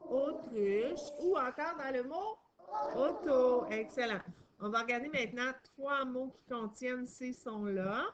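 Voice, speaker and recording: Patient woman teacher, unhurried phonics lesson, faint hiss. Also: sits high, highs cut off. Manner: patient, slow and encouraging, stresses sounds and syllables. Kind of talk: reading lesson for a young child.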